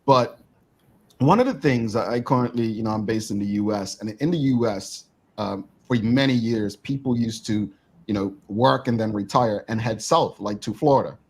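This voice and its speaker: A man's voice: fairly low pitch, normal speed, darkish tone, breathy edge. A man co-hosting a casual talk show, chatty and joking with his guest.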